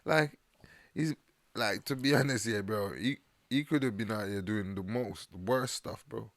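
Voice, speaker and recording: A man's voice: fairly low pitch, moderate pace, no room sound. A young man co-hosting a casual podcast chat, laid-back and teasing, giggling mid-sentence and calling everyone "bro.". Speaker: podcast co-host.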